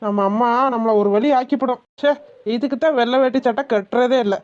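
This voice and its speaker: A woman's voice: fairly high pitch, brisk, darkish tone, muffled recording, close to an everyday voice. A woman voicing a cocky young village man in a cartoon, taunting and sulky. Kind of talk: cartoon voice acting.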